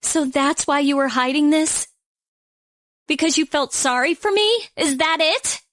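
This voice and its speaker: A woman's voice: high voice, a little slow, no echo, clean studio sound. A young woman playing an earnest, hurt teenage schoolgirl in a video game drama, speaking emotionally and confidingly. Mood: shocked, accusing. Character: hurt, earnest teenage schoolgirl who idolized her father. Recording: loud music under the voice.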